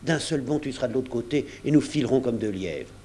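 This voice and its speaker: A man voicing an earnest middle-aged doctor who speaks urgently and gravely. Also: mid-range voice, lively intonation, a little fast, warm tone, slight background noise, close to an everyday voice.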